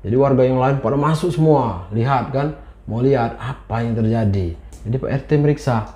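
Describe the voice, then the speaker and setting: Man telling a ghost story, mellow. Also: medium pitch, a little fast. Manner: acts out quoted speech, many short phrases. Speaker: storyteller guest. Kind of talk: casual spoken horror storytelling. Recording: roomy, dull lo-fi sound.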